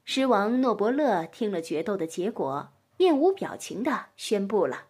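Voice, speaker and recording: A woman reading a children's story aloud in a gentle, expressive storytelling manner. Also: mid-range voice, normal speed, husky.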